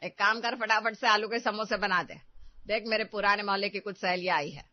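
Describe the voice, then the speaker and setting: A woman's voice: mid-range voice, animated, dry recording, natural voice. Give me a commanding older mother-in-law, played by a woman in a cartoon, on a dull lo-fi recording. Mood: bossy. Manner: bragging, commanding. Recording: dull, dry lo-fi.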